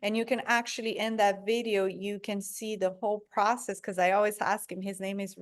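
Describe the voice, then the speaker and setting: A woman's voice: mid-range voice, level tone, fairly quick. A woman from Brazil, a guest in a podcast interview, speaking earnestly and searching for words with many fillers. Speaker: guest, product founder. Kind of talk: conversational interview.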